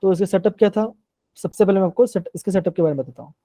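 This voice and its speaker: Male teacher, live class, quizzes and repeats, mellow tone, dry sound. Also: high voice, very fast, no echo. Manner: asks and repeats questions.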